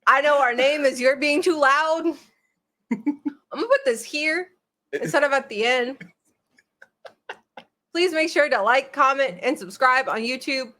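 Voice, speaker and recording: A woman's voice: sits high, a little slow, long pauses, bright, forceful tone. A woman hosting a casual home podcast, chatting in a rambling, joking way. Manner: rambling, self-deprecating, joking. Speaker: podcast host. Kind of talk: casual chat. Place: home room. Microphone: camera mic.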